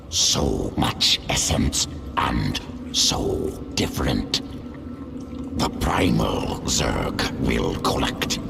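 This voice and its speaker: An actor playing a hulking primal alien pack leader in a video game, growling gutturally in slow, blunt, primitive phrases. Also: male voice, rumbling low, vocal fry, echoey room, full character voice.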